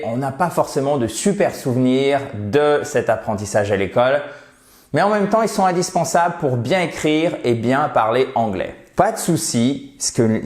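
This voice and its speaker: A man explaining English irregular verbs in a patient lesson, slowly repeating example sentences. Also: mid-range voice, darkish tone, echoey room. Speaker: English teacher. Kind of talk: French-language English grammar lesson.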